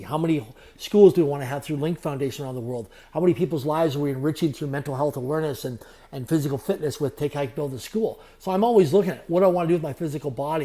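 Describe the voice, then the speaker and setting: Fast-talking man with a mellow voice. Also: a little high. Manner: fast, repetitive motivational phrasing. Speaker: guest, entrepreneur. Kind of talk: podcast interview.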